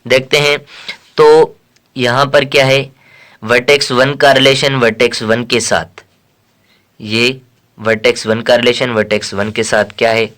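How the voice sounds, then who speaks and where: A man's voice: medium pitch, level tone, measured pace, long pauses, fairly bright tone. A man from Pakistan teaching a math lesson in a casual lecture style, counting aloud and reading questions before explaining them.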